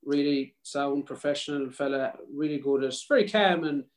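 A man's voice: on the high side, normal speed. A man with a South Mayo accent from the west of Ireland, chatting casually and easily as an interview guest on a video call. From County Mayo, Ireland. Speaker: podcast guest, country singer.

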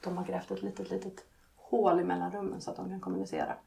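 A woman author talks on a podcast in a low, gravelly voice. She pauses often and fills the gaps with hesitations. Her answers come slowly and thoughtfully. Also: sing-song, mellow. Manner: hesitant, many fillers. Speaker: author and guest.

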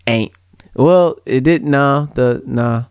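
Animated man bantering on a podcast. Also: mid-range voice, moderate pace, no echo, clean studio sound. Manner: animated, argumentative, laughs often. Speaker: podcast co-host. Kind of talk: casual banter.

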